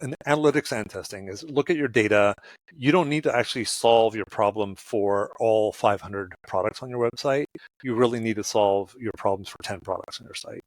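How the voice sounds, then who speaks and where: A man who is a company cofounder and a guest on an interview podcast, giving practical advice in a measured way. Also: fairly low pitch, no room sound.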